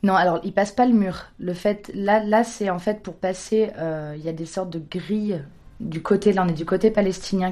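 In a casual interview, a young woman who works as a photographer talks about her work, sounding hesitant and restarting often. Her voice is mellow and fairly low in pitch.

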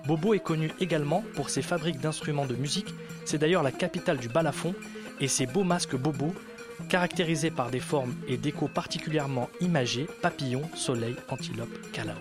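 A man's voice: on the high side, brisk, over music. A man hosting a French radio talk show, friendly, guiding his guests and reading scripted travel narration.

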